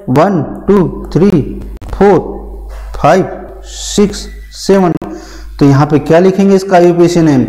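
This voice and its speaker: A man's voice: a little high, warm tone, rough recording. A man teaching a pharmacy class at a board, explaining step by step, repeating key terms and answering his own questions. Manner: calls students "beta". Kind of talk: whiteboard lecture.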